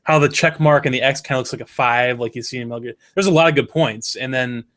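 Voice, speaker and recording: Dude co-hosting, rambles a lot, mid pitched voice, super casual. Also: male voice, fast talker, fairly bright tone. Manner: rambling, trails off with fillers. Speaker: co-host. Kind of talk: casual chat.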